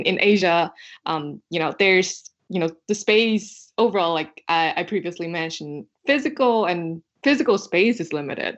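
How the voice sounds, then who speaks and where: A young woman from Vietnam, a podcast guest, speaking in a hesitant way with many filler words and restarts. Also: lowish voice. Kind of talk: casual interview chat. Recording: dull lo-fi sound.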